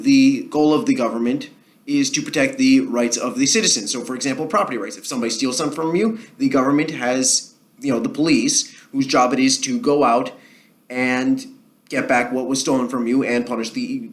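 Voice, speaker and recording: A man's voice: mid-range voice, fairly quick. Rambling argumentative man with Jersey accent. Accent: New Jersey. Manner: rambling, argumentative, with frequent ums and restarts. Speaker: political commentary vlogger. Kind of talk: casual solo commentary.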